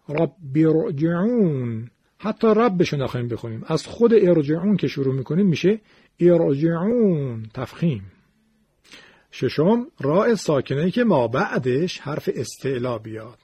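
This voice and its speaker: A man teaching a Quran recitation lesson step by step, slowing down to chant example words. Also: fairly high pitch, big pitch swings, a little mellow, slightly rough, highs cut off. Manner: explains rules patiently, slows down to chant example words.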